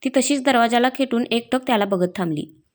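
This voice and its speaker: A woman narrating a romantic story in a steady, even reading voice. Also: fairly high pitch, brisk. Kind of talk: read-aloud story narration.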